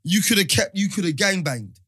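A man's voice: sits high, animated, fairly quick, bright, forceful tone, slightly rough, no echo, clean studio sound. A young man with a London roadman accent, bantering and teasing in street slang and repeating his phrases. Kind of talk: casual banter.

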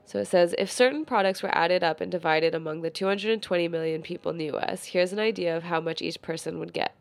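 A woman with a stuffy nose reading an old textbook aloud in a quiet, unhurried way and pausing to comment on it. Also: lowish voice, creaky. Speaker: reader.

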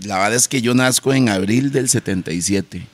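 A man's voice: medium pitch, normal speed. A man with a Costa Rican accent hosting a podcast, blunt and teasing in casual banter. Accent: Costa Rican Spanish. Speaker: podcast host. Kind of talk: casual chat.

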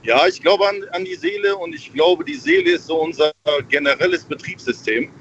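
A man calling into a show from a car hands-free speakerphone while driving, calmly explaining his ideas with technology comparisons. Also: sits high, brisk. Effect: car hands-free speakerphone on a phone line. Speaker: caller. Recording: muffled lo-fi car phone line with faint road noise.

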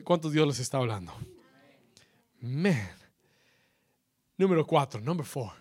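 A bilingual pastor, his voice sitting high for a man. He preaches with bursts of shouted emphasis and repeats each line in English. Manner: preaching with surging, shouted emphasis, then quieter and intimate. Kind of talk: bilingual sermon with self-translation.

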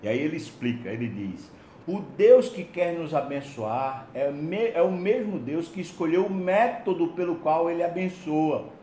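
A male preacher delivering a sermon, swinging from loud emphatic calls to quiet low murmurs. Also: animated, a little slow. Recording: echoey room with faint low rumble.

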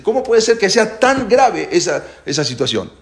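A man's voice: high-pitched, very animated, moderate pace, creaky. A man teaching a religious class who explains the prayers with many rhetorical questions. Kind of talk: Torah class. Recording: echoey room.

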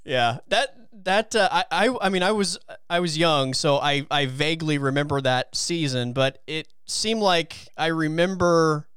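A man's voice: fairly high pitch, a bit bright, smooth, no room sound, clean studio sound. A young man hosting a sports podcast, easygoing and asking questions. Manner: easygoing, asks questions with short agreements. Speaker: podcast host. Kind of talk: casual podcast chat.

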